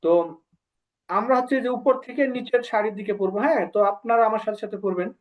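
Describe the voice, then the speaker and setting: A man with a Bangladeshi Bengali accent teaching an online language class, slowly saying syllables for students to repeat. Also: high voice. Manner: slow drilling, repeating syllables for students to echo.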